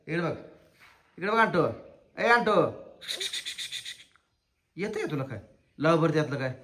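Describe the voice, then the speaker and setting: A man's voice: on the high side, expressive, quick pace, background noise. A man vlogging at his village home outdoors, coaxing and scolding the children and calling out to them. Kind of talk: casual family vlog.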